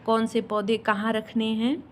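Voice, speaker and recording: A woman's voice: on the high side, flat delivery, unhurried, slight background noise. A woman, a mother, narrating her home vlog in a chatty, explanatory way with homely asides. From India. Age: adult mother. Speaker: home vlogger. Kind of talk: casual voice-over narration of a home cooking and cleaning vlog.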